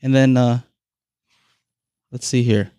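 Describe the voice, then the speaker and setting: A man's voice: mid-range voice, steady tone, takes it slowly, warm tone, clear, resonant tone, no echo. Easygoing man hosting a dry call-in show. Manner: easygoing, laughing, filler-heavy. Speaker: podcast host. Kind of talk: live call-in podcast chat.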